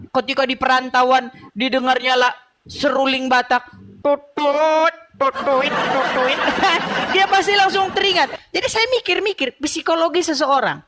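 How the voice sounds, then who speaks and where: This woman's voice is high-pitched and somewhat bright. She hosts a religious debate call on her channel, lecturing persistently, telling anecdotes and laughing at her own points.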